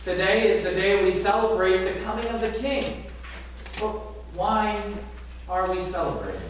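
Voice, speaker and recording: Middle-aged male pastor, high voice, lively sermon with rhetorical questions; distant camera in a reverberant sanctuary with faint hiss. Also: normal speed. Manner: animated preaching with rhetorical questions and arm gestures. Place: large church sanctuary, indoors. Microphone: far camera at back of church. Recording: very echoey sanctuary from far off.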